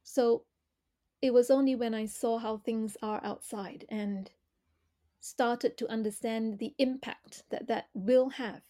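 A middle-aged woman from Malaysia speaks as a podcast guest, her voice on the higher side yet warm and mellow. She answers in a measured, reflective way, pausing on fillers as she builds her points. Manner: thoughtful, measured, with frequent fillers. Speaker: podcast guest, former corporate director.

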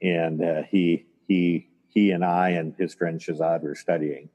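A man talking over a video call in a reflective conversation, thoughtful and halting as he recalls the past. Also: low voice, steady tone, warm tone. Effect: voice heard over a video call. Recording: dull, lo-fi video call audio.

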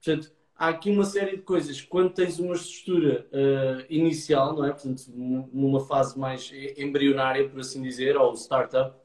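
A man's voice: medium pitch, steady tone, moderate pace, hardly any pauses, a little mellow. A man with a European Portuguese accent giving casual advice in an explanatory way, often checking in with short tag questions. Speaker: adviser giving website feedback. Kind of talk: casual advisory chat. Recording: echoey room.

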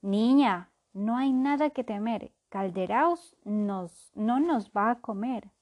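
A theatrical storybook ship captain who insists on speaking in verse, pitched up high and delivered slowly, as a woman narrator puts him on. He sounds like a bedtime-story character rather than a real sailor. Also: expressive, darkish tone. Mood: gentle. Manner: rhyming, theatrical.

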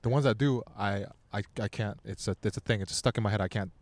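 A man in his thirties, a podcast guest, talking bluntly with lots of swearing and loud laughs. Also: on the low side, fast. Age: 30s. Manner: blunt, profane, laughs loudly. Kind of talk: crude casual chat.

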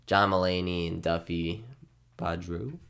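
A young man in relaxed casual chat, laughing easily and trailing off. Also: low-pitched, unhurried, gravelly, clear, resonant tone.

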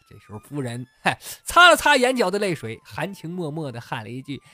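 A storyteller on a comic oral storytelling podcast tells a funny tale casually, laughing at the story and filling it with fillers. The voice is mid-range and brisk with a sharp tone and wildly swooping pitch, recorded dry.

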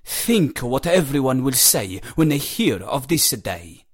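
A man voicing a wild-haired old master inventor who speaks in grand, booming pronouncements. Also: sing-song, slow. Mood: grandiose.

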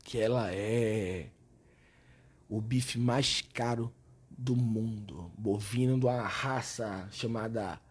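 Hoarse, hungover Brazilian man chatting. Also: fairly low pitch, takes it slowly. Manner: slangy, swearing, animated storytelling. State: hoarse from a hangover and shouting. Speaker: podcast host and stand-up comedian. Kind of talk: casual comic podcast monologue.

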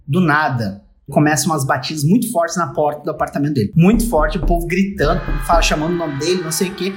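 A man's voice: on the high side, soft background music. Young brazilian guy spinning a wild story on a podcast, laughs a lot, chatty. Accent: Brazilian Portuguese. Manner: animated, laughing storyteller with quick asides. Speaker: podcast co-host. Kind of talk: casual storytelling chat.

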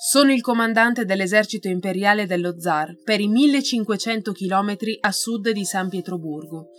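A woman's voice: mid-range voice, moderate pace, lightly acted. A woman voicing a stern old male army general in a read-aloud storybook, speaking in a cold, commanding, formal way.

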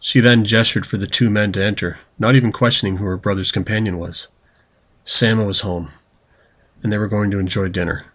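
Man, very low voice, audiobook narrator, steady descriptive reading. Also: a little fast. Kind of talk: scripted storybook narration.

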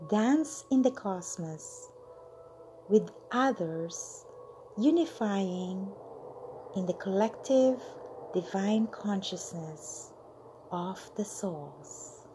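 A woman leading a channeled guided meditation, soothing and drawn out, with lines that fade into breathy whispers. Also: medium pitch, animated, extremely slow, dark tone, a little hiss or hum.

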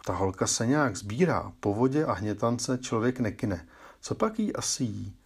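A man's voice: mid-range voice, very animated, slightly rough, full character voice. A man voicing a spiteful middle-aged stepmother in a fairy tale, scolding harshly. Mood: suspicious.

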